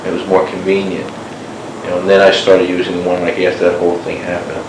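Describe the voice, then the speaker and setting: A man's voice: sits low, completely flat delivery, fairly quick. A man being interviewed on an old cassette tape, talking in a meandering way full of "you know" and "like". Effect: old cassette tape recording. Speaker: interviewee, former neighbor. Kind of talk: rambling recorded interview. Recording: hissy echoey cassette tape.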